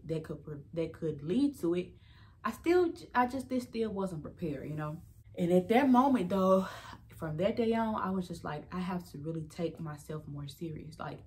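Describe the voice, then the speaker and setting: A young woman, talking candidly to her viewers in a personal vlog update, rambling with fillers and restarts and calling them y'all. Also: lowish voice. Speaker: vlogger.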